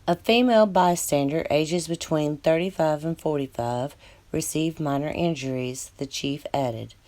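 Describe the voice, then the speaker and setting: A woman's voice: low voice, measured pace, a little mellow. A woman reading news articles aloud and breaking off with skeptical, sardonic asides. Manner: skeptical, sardonic asides between read passages. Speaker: commentator.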